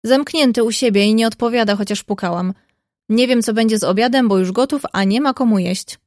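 A woman's voice: fairly high pitch, brisk, darkish tone, dry recording, clean studio sound, close to an everyday voice. A woman reading the part of a worried, deferential household maid who speaks politely and fretfully.

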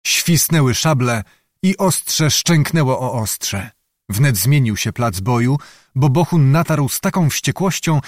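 A male audiobook narrator telling a historical novel with measured, dramatic storytelling. His pitch is ordinary for a man. The recording is dry and close, as in a small studio booth. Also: no echo.

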